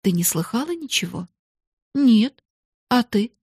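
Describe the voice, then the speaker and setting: A woman's voice: fairly high pitch, lively intonation, unhurried, darkish tone, slightly rough, no echo, studio quality, full character voice. A woman voicing a kind, timid young schoolgirl who speaks anxiously in a storybook reading.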